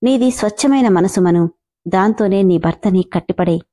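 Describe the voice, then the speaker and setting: Brief: a woman reading as a middle-aged mother on the phone, coaxing and firm, mellow storybook voice. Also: medium pitch, moderate pace, natural voice.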